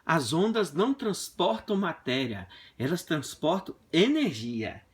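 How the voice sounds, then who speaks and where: A man teaching a physics class in a classroom, explaining with playful, animated stories. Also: a little high, measured pace. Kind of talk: lively classroom lesson with comic anecdotes. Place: classroom with a whiteboard.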